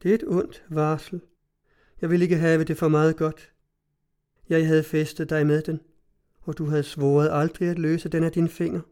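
A man voicing a distraught, confused young woman in an audiobook, speaking in a soft, pleading, anxious way. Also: fairly high pitch, little pitch movement, long pauses, lightly acted. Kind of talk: audiobook reading.

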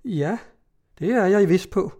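A man's voice: high-pitched, dark tone, voice pushed up, close to an everyday voice. A man voicing a frightened young woman who pleads in a trembling, hesitant voice. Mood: hesitant, evasive.

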